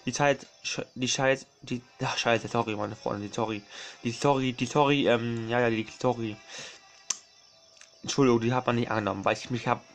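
A man's voice: medium pitch, fairly even intonation, moderate pace, faint music behind. A man doing casual let's play commentary, rambling and apologizing often, repeating his words and calling his viewers his friends.

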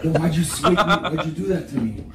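A man's voice: a little high, lively intonation, fairly quick. A man in his thirties livestreaming from a bedroom, talking in an insistent, pleading, melodramatic way. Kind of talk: dramatic livestream talk. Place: carpeted bedroom, indoors. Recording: noisy livestream played back.

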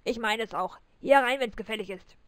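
A woman voicing a gruff old male miser who grumbles with mock sternness. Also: fairly high pitch, a little fast, fairly bright tone, no echo, lightly acted.

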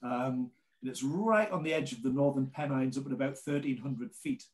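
A late-forties man from North East England, with a Geordie accent and a mid-range voice at a moderate pace, appears as a guest on a video call. A ski brand representative acting as guest presenter, he talks in a chatty, informal way.

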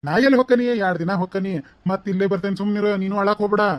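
A man's voice: sits high, fairly even intonation, very fast, natural voice. A man with a North Karnataka Kannada accent voicing a tearful, doting old village grandfather in a cartoon, talking in a fond, grumbling, pleading way. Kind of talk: cartoon voice acting.

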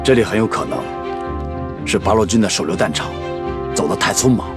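An actor playing a calm, shrewd, battle-hardened male commander who explains his plans steadily in a TV war drama. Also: low voice, brisk, over loud music. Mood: explaining. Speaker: army commander.

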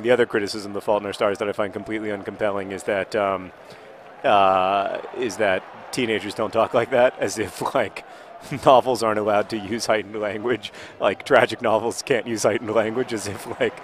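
A man in his thirties talks over a football video game in a loose, rambling way, restarting sentences and trailing off. Now and then he breaks into loud, excited play-by-play. A faint noise sits under the recording. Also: on the low side. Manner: rambling, self-interrupting, bursts into excited play-by-play shouting. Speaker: gaming video host.

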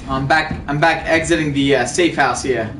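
A man's voice: a little high, fairly even intonation, normal speed. A man giving joking, playful commentary on a game, calling out what he finds. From New York. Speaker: gaming host. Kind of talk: casual gameplay commentary. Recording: echoey room, mic at a distance, faint noise.

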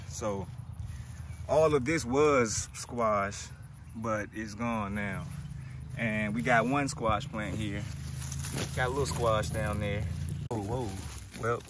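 A man records a casual walkthrough of his vegetable garden and talks in a relaxed, thinking-aloud way. He sounds a little out of breath, and his voice sits at a middle pitch. Faint outdoor ambience and animal sounds run quietly behind him. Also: slight background noise. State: slightly out of breath. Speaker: gardening vlogger.

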